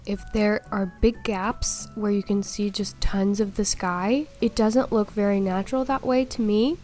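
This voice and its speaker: Brief: young woman tutorial host, mellow tone, a bit sick and crackly, steady step-by-step tips. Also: medium pitch, unhurried, soft background music. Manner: calm step-by-step explaining, giving tips. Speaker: video game tutorial host. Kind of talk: tutorial voice-over over gameplay.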